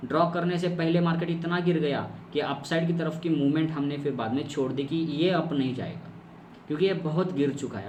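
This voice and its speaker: A man's voice: a little high, darkish tone. Man teaching chart trading in an echoey room. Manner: explains step by step, repeating key terms and asking himself questions. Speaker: trading course instructor. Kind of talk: screen-recorded chart lesson. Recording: echoey room, distant mic, faint noise.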